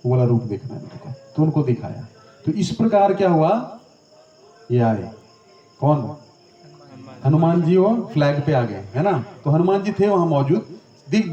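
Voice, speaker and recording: A man's voice: fairly high pitch, warm tone, muffled recording. Man telling scripture tales, roomy and distant. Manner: conversational, asks the audience questions. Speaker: spiritual teacher. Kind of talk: storytelling scripture lecture.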